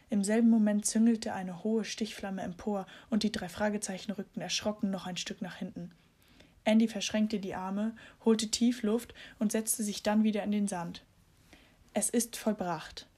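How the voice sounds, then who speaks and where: A woman narrating a children's audiobook in a calm storytelling manner. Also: medium pitch, normal speed.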